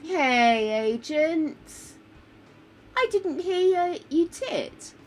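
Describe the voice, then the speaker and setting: An older woman streams a building game, chatting casually, swearing freely and muttering to herself. Her high voice is croaky from a sore throat, very slow and expressive.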